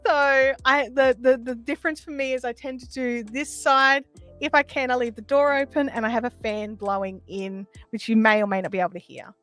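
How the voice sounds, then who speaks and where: An Australian woman hosts a casual livestream from a small sound-treated room at home, chatting through explanations as she answers viewers. Her voice is fairly high and a bit bright, with fairly even intonation and a slightly quick pace, and faint music plays behind her.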